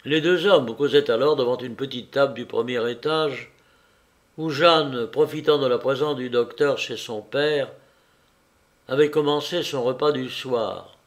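A man giving a measured, scripted narration of a novel as an audiobook reader. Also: medium pitch.

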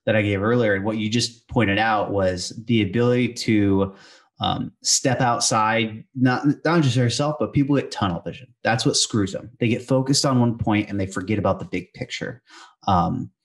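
A man's voice: fairly low pitch, normal speed. A man in a casual podcast conversation, explaining training lessons in an emphatic, teacherly way.

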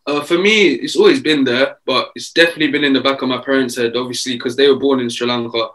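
Casual young male athlete, relaxed, filler-heavy answers on a video call. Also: mid-range voice, quick pace, low-quality recording. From England. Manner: relaxed, easygoing, many fillers. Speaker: footballer guest. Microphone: video call webcam.

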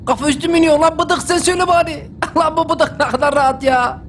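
A man doing live gameplay commentary for his channel, panicky and excitable, with loud exclamations and slangy asides. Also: very high-pitched, quick pace, a little hiss or hum. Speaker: gaming YouTuber. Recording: clear music underneath. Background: game background music.

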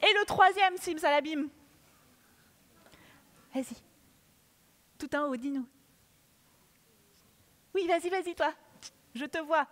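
A woman's voice: sits high, slow, long pauses. A woman hosting a children's award ceremony, playful and coaxing the audience to join in. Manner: animated, playful, coaxes the audience. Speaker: ceremony host. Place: large auditorium. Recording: echoey hall with audience.

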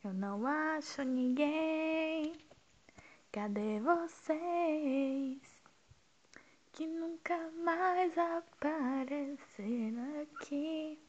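Young woman, high voice, casual gaming chatter, jokey, swears. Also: extremely slow, darkish tone, highs cut off. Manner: joking, swears casually, laughs often. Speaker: gamer. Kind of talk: casual let's play, reading game dialogue aloud.

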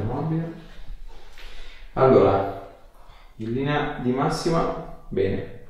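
Working as a chiropractor, a man with a mid-range, darkish voice gives a patient short, informal, coaxing instructions. The talk mixes hands-on clinical directions with casual chat. It takes place in a small indoor clinic treatment room, and the recording is echoey.

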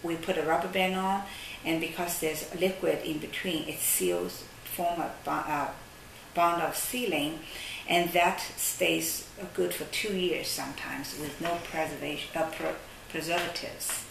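A caviar company representative, a woman with a low, gravelly voice, explains her product in an interview from a desk in a sunlit office. Her tone is steady and a bit bright and her pace measured, yet she's hesitant, hunting for words with many fillers. The echoey room and distant mic leave a faint hiss.

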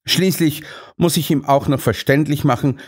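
A man's voice: a little high, steady tone, moderate pace, breathy edge, pitched above the performer's own voice. A man voicing an earnest, indignant doctor companion in an audiobook. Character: earnest, put-upon male doctor companion.

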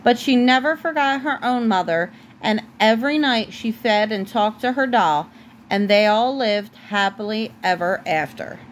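A woman's voice: a little high, lively intonation, measured pace, a little hiss or hum, poor audio. A woman reading a bedtime story aloud to her child at home, stopping now and then to talk with the child.

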